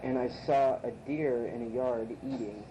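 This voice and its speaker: A man's voice: medium pitch, steady tone, moderate pace, warm tone. A man around thirty telling a personal story in a hesitant, reflective way. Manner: hesitant, many fillers and restarts, reflective. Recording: muffled tape recording with noticeable hiss.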